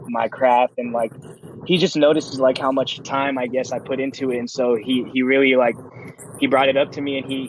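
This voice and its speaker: A man's voice: medium pitch, slight background noise, poor audio. A man of twenty-one, a dancer, talking through a casual interview in a laid-back, reflective way and laughing often. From California, USA. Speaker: guest, dancer.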